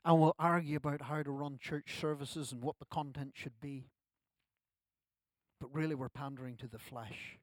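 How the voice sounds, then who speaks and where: An Irish pastor in his sixties preaches a sermon at a church service, keeping it conversational with self-deprecating asides. His voice is a little high, with fairly even intonation, a normal speed and no echo.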